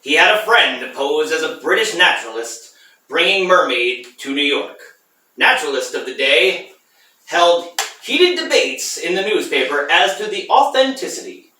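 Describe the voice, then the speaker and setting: A man's voice: on the high side, lively intonation, normal speed, bright, forceful tone, a little hiss or hum. A man co-hosting a podcast, joking dryly and reading a history segment aloud. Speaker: podcast co-host. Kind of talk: casual chat and reading history. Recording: echoey room, far from mic.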